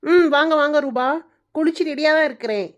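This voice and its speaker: A woman voicing a calm young bride in a cartoon, speaking softly. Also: sits high, fairly quick, voice pushed down, close to an everyday voice. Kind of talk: cartoon voice acting.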